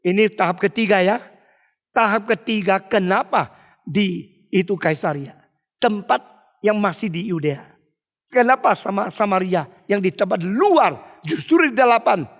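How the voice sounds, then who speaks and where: A man's voice: high-pitched, fairly bright tone, long reverb tail. A male pastor preaching an expository sermon, telling stories emphatically and asking rhetorical questions.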